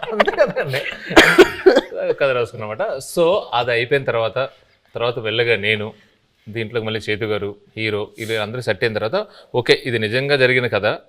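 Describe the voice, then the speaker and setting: A film director answering interview questions, explaining at an easy pace and laughing lightly now and then. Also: male voice, on the low side, fairly quick, a bit bright, slight background noise.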